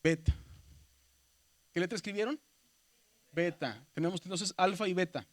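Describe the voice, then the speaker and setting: High-voiced man teaching Greek letters. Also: animated, fairly quick. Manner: patient, repeats "¿verdad?" and spells letters aloud; addresses students as brothers. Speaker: Greek teacher at a Bible seminary. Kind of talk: classroom lesson. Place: classroom.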